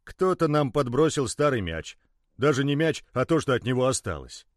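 A man voicing a grown male worker who calls out loudly. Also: medium pitch, very animated, normal speed, no room sound, studio quality, natural voice. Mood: calling out.

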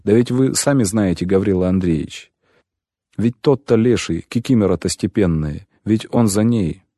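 A man's voice: on the low side, moderate pace, warm tone, dry recording, studio quality, lightly acted. A man voicing a self-pitying grown shoemaker who pleads and laments at length, in an audiobook reading. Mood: pleading.

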